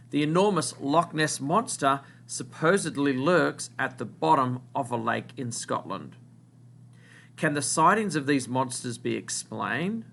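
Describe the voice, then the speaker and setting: An Australian man, a school teacher, reading a spelling test passage aloud to children in deliberate phrases with pauses. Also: medium pitch, gravelly, fairly bright tone.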